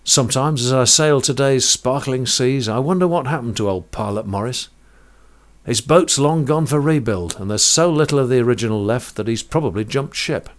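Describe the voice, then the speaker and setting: A man narrating a first-person sea story in a vivid, measured way, rich with sailing terms. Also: medium pitch.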